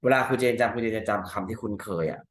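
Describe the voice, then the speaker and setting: A male teacher walking through exam answers step by step, asking rhetorical questions and reading example sentences slowly. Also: fairly low pitch, reverberant. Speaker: English teacher. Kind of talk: exam answer walkthrough lesson.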